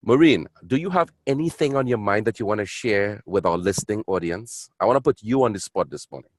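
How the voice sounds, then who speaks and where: A man's voice: fairly low pitch, lively intonation, a little fast, no room sound. A man presenting on an online call in a chatty, upbeat way, urging listeners to type into the chat. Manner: chatty, upbeat, engaging the audience.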